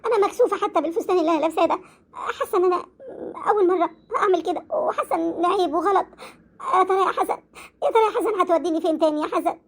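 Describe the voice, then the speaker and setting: Woman acting nervous Egyptian wife, pleading, very high voice, rapid speech. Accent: Egyptian Arabic. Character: timid anxious wife, afraid of divorce. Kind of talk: family web drama acting.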